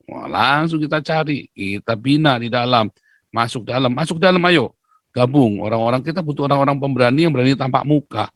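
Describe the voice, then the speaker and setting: A man's voice: on the high side, no echo. Emphatic man, dry sound. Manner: emphatic, rises sharply when stressing points. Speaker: guest commentator. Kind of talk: casual talk-show discussion.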